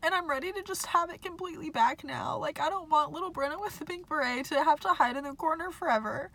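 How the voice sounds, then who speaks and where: Bright-voiced, impassioned young woman vlogging. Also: high-pitched, quick pace. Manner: impassioned, heavy use of "like". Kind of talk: casual personal vlog. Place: parking lot.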